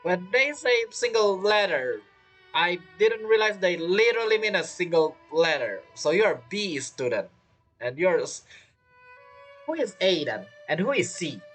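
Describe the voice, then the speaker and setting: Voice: mid-range voice, big pitch swings, measured pace, fairly bright tone, faint music behind. A game streamer giving casual reaction commentary and theorizing aloud.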